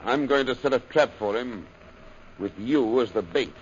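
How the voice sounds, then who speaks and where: An actor playing a commanding, menacing camp ruler in an old radio serial, with a domineering, deliberate manner. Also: male voice, mid-range voice, expressive, lightly acted. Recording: dull, noisy old radio recording.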